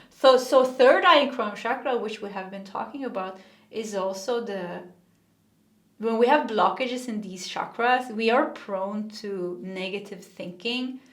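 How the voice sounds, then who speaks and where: Tarot reader, woman from Sweden, earnest and rambling, recorded in a room with echo. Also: medium pitch. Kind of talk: casual spiritual reading.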